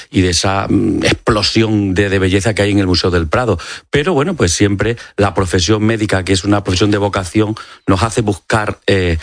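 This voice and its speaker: A man's voice: low voice, no room sound. A man from Extremadura, an eye doctor, explaining as a guest in a radio studio interview, with many fillers and restarts. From Extremadura, Spain. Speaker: ophthalmologist guest. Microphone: studio microphone.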